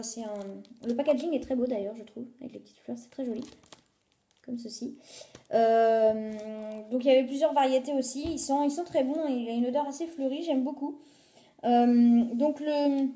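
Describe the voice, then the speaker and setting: A woman's voice: high voice, warm tone, echoey room. A woman chatting casually through a shopping haul video filmed on a phone at home, with many fillers as she lists prices. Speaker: vlogger showing a shopping haul.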